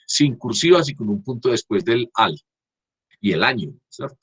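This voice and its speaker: Husky-voiced male teacher, dry close computer mic, halting delivery with frequent restarts. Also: mid-range voice, lively intonation, no room sound. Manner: halting, frequent restarts, checks understanding with "¿cierto?". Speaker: university teacher. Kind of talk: online class lecture. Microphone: computer mic on a video call.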